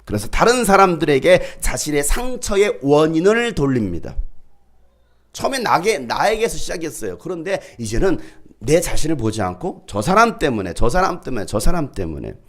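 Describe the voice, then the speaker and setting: A man's voice: a little high, big pitch swings, normal speed. A male pastor preaching a sermon, dramatically acting out people's complaints in raised voices. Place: church.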